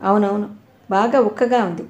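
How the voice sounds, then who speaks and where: A woman voicing a caring young male doctor who speaks gently and reassuringly. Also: medium pitch, steady tone, normal speed, lo-fi sound, close to an everyday voice. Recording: roomy echo.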